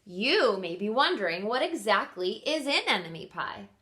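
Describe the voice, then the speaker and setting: Pausing often to question her young listeners, a woman teacher and host reads a storybook aloud with expression. She speaks at a medium pitch.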